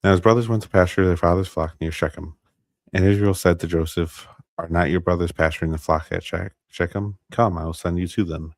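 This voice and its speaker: Low, flat-voiced American man reading scripture. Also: dry recording. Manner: halting, many fillers and restarts, unsure of pronunciations. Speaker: Bible study streamer. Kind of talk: casual Bible teaching and scripture reading.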